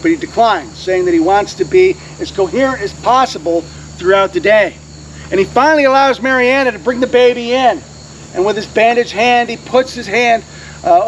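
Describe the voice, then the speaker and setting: A man's voice: sits high, slight background noise, low-quality recording. A man giving a history talk outdoors, telling the story dramatically and walking listeners through a map handout. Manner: dramatic storyteller, drops to a hushed voice at solemn moments. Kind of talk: storytelling lecture. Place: outdoors on a hillside.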